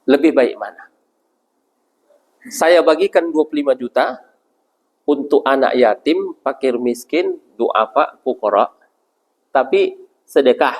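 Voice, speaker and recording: A man's voice: mid-range voice, unhurried, long pauses. A male ustaz giving a religious lecture to a congregation, putting questions to the listeners and answering them himself. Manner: addresses listeners as Pak. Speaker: ustaz preacher. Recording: long hall reverb.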